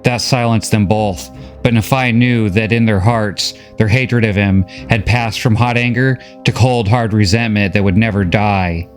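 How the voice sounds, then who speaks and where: A man reading a novel recap as scripted story narration, steady and measured. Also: on the low side, faint music behind.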